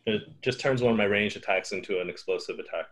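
A man's voice: lowish voice, fast, poor audio. A man playing a board game, chatting casually and thinking aloud about his moves. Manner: relaxed, thinking aloud, chuckles.

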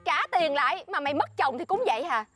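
A woman's voice: sits high, expressive, fast talker, a bit bright, faint music behind. An actress with a Southern Vietnamese accent playing a boastful, scheming friend who bossily lectures another woman. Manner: bossy, showy, lectures her friend. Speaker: actress in a comedy sketch.

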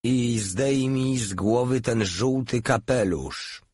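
A man's voice: medium pitch, slow pace, a little mellow, husky, no room sound, studio quality, pitched above the performer's own voice. A man reading the part of an insolent soldier who gambles and mocks his superiors in an icy tone. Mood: mocking. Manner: icy, mocking. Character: sly, mocking soldier-gambler, coolly insolent.

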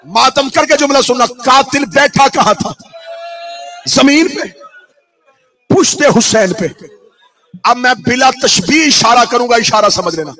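A man with a Pakistani Urdu accent, a cleric reciting a mourning sermon in a sing-song chant that rises to anguished shouts. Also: very high-pitched, pauses often. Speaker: cleric reciting masaib at a majlis.

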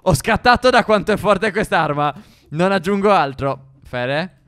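A young man co-hosting a gaming channel, trading loud exclamations and teasing in excited co-op play. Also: high-pitched, a little slow. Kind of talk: excited co-op gameplay banter.

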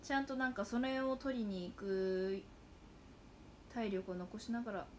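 A woman's voice: on the high side, measured pace, a little mellow, slight background noise. A young woman in her twenties with a Hakata dialect accent, chatting casually and animatedly to viewers on a livestream. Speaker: livestream host. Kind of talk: casual livestream chat reading comments.

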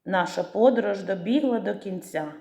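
A woman teacher giving a literacy lesson to young children, pronouncing words slowly and stretching out the syllables. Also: medium pitch, expressive, vocal fry, a little mellow. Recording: echoey room.

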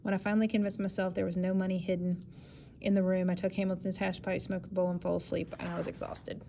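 A woman reads a first-person memoir aloud in a plain, matter-of-fact way. Her voice is low and flat, with a strong gravelly fry, and there is a faint hiss of noise behind it. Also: fast talker. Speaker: audiobook reader.

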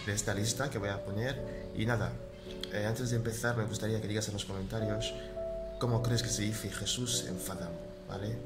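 A fairly low-voiced man from Equatorial Guinea hosts his own channel in a relaxed, chatty way, checking in with his viewers again and again. When he teaches, he slows right down and says each name twice. Loud music plays behind him the whole time. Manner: chatty, keeps checking in with "¿vale?"; spells out each name slowly and repeats it. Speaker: YouTube channel host. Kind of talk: casual vlog, teaching name translations.

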